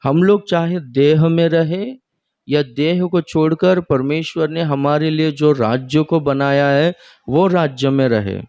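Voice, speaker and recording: A man preaching a sermon as pastor, speaking in an unhurried, conversational way and putting questions to his congregation. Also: fairly high pitch, darkish tone, dry recording, highs cut off. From India.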